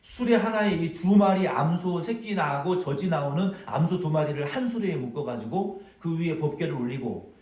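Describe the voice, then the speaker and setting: A male pastor preaching a sermon, animated and storytelling, at times acting out sounds, in a church sanctuary. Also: on the high side, moderate pace. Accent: Korean, Jeolla dialect touches. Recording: echoey hall, from far off.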